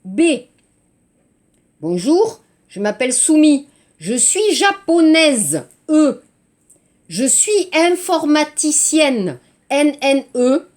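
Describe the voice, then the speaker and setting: A woman teaching to Korean learners, slow and clear, often checking in with "hein" and "d'accord". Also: high voice, big pitch swings, a little mellow. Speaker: French teacher. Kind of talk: language lesson for Korean learners.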